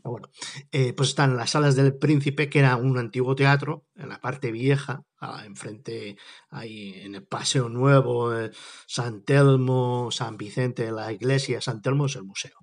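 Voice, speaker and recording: A man's voice: medium pitch, steady tone, a little slow. Chatty, jokey man rambling. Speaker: podcast host. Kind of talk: casual rambling monologue.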